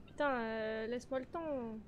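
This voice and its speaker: A woman's voice: on the high side, unhurried, slight background noise. Casual woman streamer thinking aloud. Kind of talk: live-streamed game role-play.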